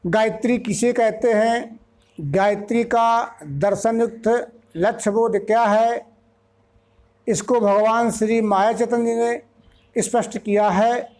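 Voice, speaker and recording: A spiritual teacher giving a discourse, explaining slowly and drawing out single syllables with care. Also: medium pitch, fairly even intonation, a little mellow.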